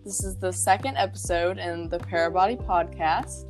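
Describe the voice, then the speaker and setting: A woman's voice: on the low side, steady tone, normal speed, a little mellow, faint music behind. A young woman co-hosting a podcast, chatting casually about a book in a rambling way with lots of fillers. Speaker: podcast co-host.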